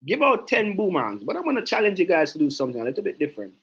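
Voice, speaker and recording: A man giving an energetic, persuasive sales pep talk as a team leader, repeating his points and asking the audience questions. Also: high voice, racing, breathy edge, muffled recording. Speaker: network marketing team leader.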